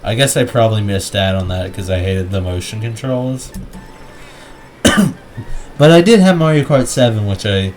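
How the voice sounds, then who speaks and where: A man's voice: on the low side, moderate pace, darkish tone. A young man chatting casually while ranking game tracks, rambling with lots of restarts and jokey asides. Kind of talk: casual gaming chat.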